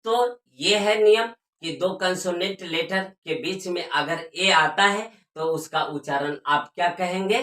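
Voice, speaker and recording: A woman teaching English pronunciation, spelling out letters and repeating each word slowly for learners. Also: on the low side, a bit bright. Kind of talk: spoken language lesson. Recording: echoey room.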